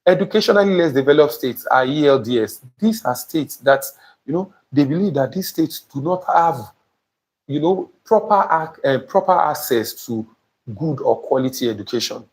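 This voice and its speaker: Animated and fairly high-pitched, a young admissions tutor with a Nigerian accent speaks at normal speed during a live-streamed teaching session. He is emphatic and keeps asking viewers whether he makes sense, using a small lapel mic in an indoor studio with a printed banner behind him.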